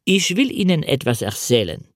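A man reading the part of an elderly French officer who tells a story slowly and deliberately. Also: on the high side, very animated, no room sound, studio quality. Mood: measured.

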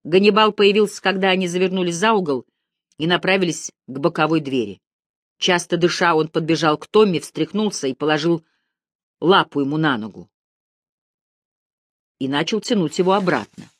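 A woman reads an audiobook in a measured, even storytelling style. Her voice sits on the lower side, and the recording is dry and studio quality.

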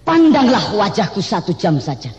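A man's voice: high-pitched, big pitch swings, normal speed, a little mellow, highs cut off. In a long, echoing hall, a sentimental young husband in a comic stage drama. He declaims like a hammy stage actor, earnest and flowery, with a Javanese accent. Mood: grandiloquent wooing. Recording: echoey hall, long reverb.

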